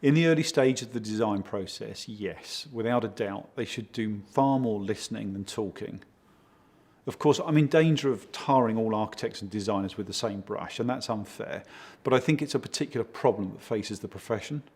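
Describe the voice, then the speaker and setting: A man working as a project consultant, giving steady, explanatory interview answers and leaning on key words. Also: on the low side, moderate pace, husky. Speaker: project consultant for a home design firm.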